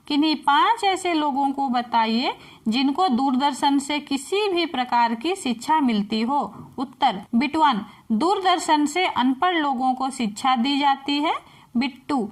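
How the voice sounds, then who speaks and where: A woman teacher reading out textbook answers, dictating each answer slowly and deliberately. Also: sits high.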